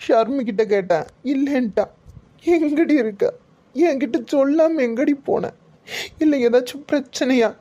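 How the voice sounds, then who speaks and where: Desperate young husband, cartoon, pleading, soft mellow tone woman doing him. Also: high voice, unhurried, highs cut off. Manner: pleading, emotional. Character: young husband, frantic and heartbroken, searching for his wife.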